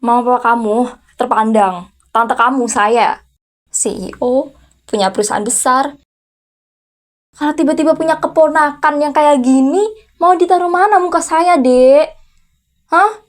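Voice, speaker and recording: A woman playing a furious rich aunt, high-voiced. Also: a little slow, pauses often. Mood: scolding. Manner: scolding, sarcastic, repeated sharp "hah?" challenges. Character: furious rich unmarried aunt, CEO, scolding teen. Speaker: VTuber role-play creator. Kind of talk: ASMR role-play.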